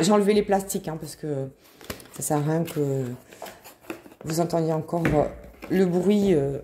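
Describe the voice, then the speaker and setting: A woman vlogger chatting casually while unboxing craft kits, excitable and full of hesitations. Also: on the low side, slight background noise. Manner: chatty, filler-heavy, excitable.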